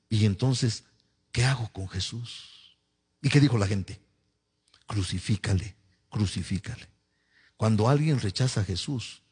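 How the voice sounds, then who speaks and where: A man's voice: lowish voice, a little mellow, slightly rough. A man preaching a fervent sermon in Mexican Spanish, often calling his listeners brother. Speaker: pastor.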